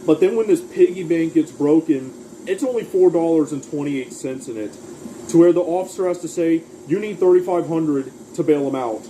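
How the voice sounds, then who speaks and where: A man's voice: on the high side, normal speed, warm tone, a little hiss or hum, low-quality recording. A man casually recapping a cartoon episode, rambling through the plot and quoting lines along the way. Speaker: cartoon reviewer.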